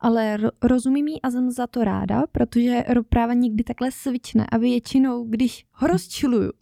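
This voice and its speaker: A young woman from northern Bohemia talks as a podcast guest with a higher, gravelly voice and mellow tone. She is chatty and animated and laughs often. The sound is dry and close. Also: no room sound. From northern Bohemia, Czechia. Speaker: podcast guest, travel content creator. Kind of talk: casual podcast chat.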